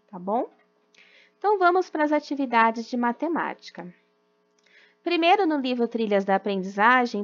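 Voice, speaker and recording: A woman's voice: sits high, muffled recording. A young woman teacher with a Brazilian Portuguese accent, patiently explaining a lesson to children and often checking "tá?". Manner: patient, explains slowly, ends phrases with "tá?". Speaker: primary school teacher. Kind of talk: remote class lesson.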